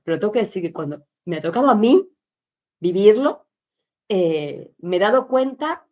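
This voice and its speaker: A woman's voice: medium pitch, a little mellow. A woman, a pelvic floor specialist giving an informal workshop talk, candid and chatty, talking straight to her listeners with frequent filler sounds.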